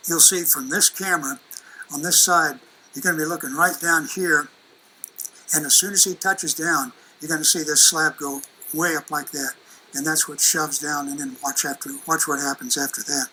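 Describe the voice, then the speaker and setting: Older guy giving a folksy engineering talk, bright edgy voice, chatty. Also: fairly high pitch, steady tone, normal speed, slight background noise, rough recording. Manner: folksy, conversational, many restarts. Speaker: aerospace engineer giving a lecture. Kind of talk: presentation with slides and video clips.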